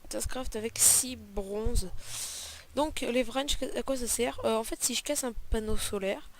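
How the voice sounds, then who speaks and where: A woman's voice: on the high side, fairly even intonation, measured pace. Chatty woman narrating her gameplay. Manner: chatty and rambling, with frequent fillers and self-corrections. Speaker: let's play host. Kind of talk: casual gameplay commentary.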